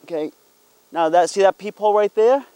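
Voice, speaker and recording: A middle-aged dad hosting a hunting and fishing show talks casually to his family and the camera in a folksy, encouraging barbecue-dad way. His voice is high, mellow and fairly quick, recorded cleanly with no echo.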